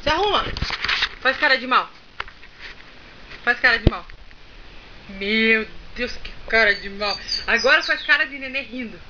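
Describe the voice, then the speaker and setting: High-voiced mom coaxing her toddler. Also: expressive, measured pace, pauses often. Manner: playful, coaxing, bossy commands. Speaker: mother filming her toddler. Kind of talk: home video, coaxing a child to dance. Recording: dull lo-fi home camera, clear background noise.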